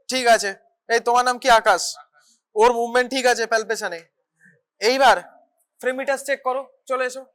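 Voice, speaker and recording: A clinical teacher speaking quickly and briskly at a bedside demonstration. The voice sits at a middle pitch and moves along at a fast clip, giving short step-by-step instructions to students. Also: a bit bright. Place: hospital teaching ward.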